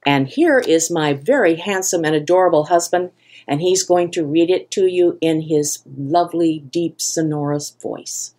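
Low-voiced older woman reading her essay. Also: unhurried, darkish tone. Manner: earnest, impassioned. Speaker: podcast host.

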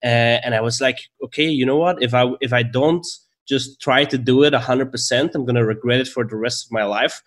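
Speaking a little fast in a mid-range, slightly bright voice, a young man from Belgium shares his story on a podcast. His Belgian accent comes through as he chats casually and warmly, laughing a lot.

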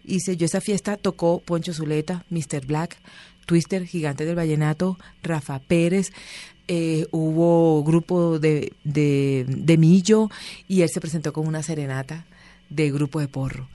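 A woman, a guest in an interview, telling stories in a lively, chatty way and acting out the voices of the people she quotes. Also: deep voice, a little slow, no room sound. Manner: animated storyteller, acts out quoted voices. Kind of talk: casual interview storytelling.

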